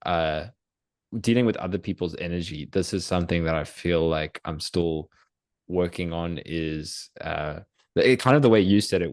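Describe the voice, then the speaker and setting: Male podcast guest, very low voice, dry, thoughtful and hesitant. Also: no echo. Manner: thoughtful, hesitant restarts, agreeable. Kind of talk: casual podcast conversation.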